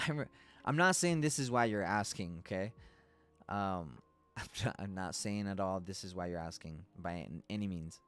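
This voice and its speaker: A man's voice: deep voice, animated, normal speed, fairly bright tone, smooth, faint music behind. A man hosting a live trading stream, talking loosely and casually through chart analysis, swearing and laughing as he goes.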